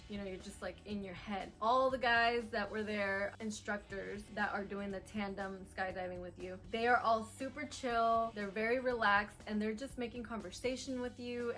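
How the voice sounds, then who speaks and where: A young adult woman telling a personal story to camera in a chatty, animated vlog style. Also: mid-range voice. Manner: chatty, animated, lots of "like" and "oh my gosh". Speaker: vlogger.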